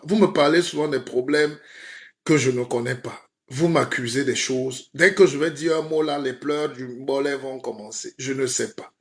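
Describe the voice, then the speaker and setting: A man playing a comic spiritual guide in a mock sermon on a live stream, playful and rhetorical, often asking his listeners "hein?". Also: medium pitch. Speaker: comedic self-styled spiritual guide.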